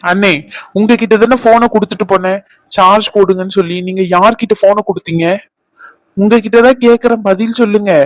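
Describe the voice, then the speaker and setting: Man playing an insistent young cartoon lover, demanding, high voice, dry close sound. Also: fairly even intonation, normal speed, no room sound. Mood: upset. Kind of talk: cartoon voice acting.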